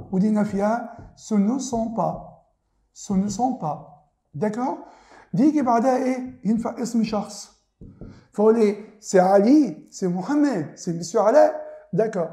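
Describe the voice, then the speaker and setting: A man's voice: high voice, dark tone. Egyptian man teaching in an echoey room. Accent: Egyptian Arabic. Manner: asks rhetorical questions and answers them himself, repeating key words. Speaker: French teacher. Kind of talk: classroom explanation.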